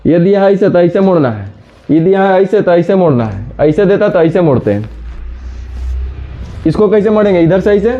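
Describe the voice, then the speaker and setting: Scolding teacher. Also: male voice, high-pitched, expressive. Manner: scolding, brisk, addresses students directly. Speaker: reasoning teacher. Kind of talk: classroom lecture. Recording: dull lo-fi sound.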